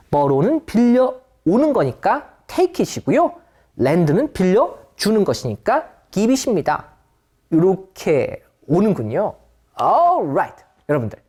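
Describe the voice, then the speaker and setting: A woman teaching English vocabulary with a sing-song teaching lilt. Her pitch swoops up and down a lot, and her voice sits a little low. She reads the English examples slowly and clearly for learners. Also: a little mellow. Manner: slow English model reading, quick Korean explanation; wide-ranging sing-song teaching intonation. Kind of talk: online English lesson.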